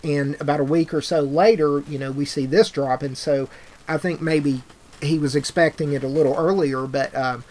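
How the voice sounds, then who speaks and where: A man hosting a podcast in casual chat, rambling with halting restarts and calling people "dude". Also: a little high, steady tone, darkish tone. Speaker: podcast host.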